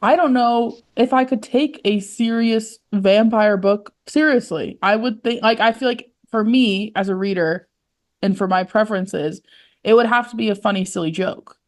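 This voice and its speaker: A chatty young woman co-hosting a podcast, rambling with a giggle in her voice and many filler words. She talks at a middle pitch in an easy, casual way. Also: moderate pace. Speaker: podcast co-host. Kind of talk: casual chat.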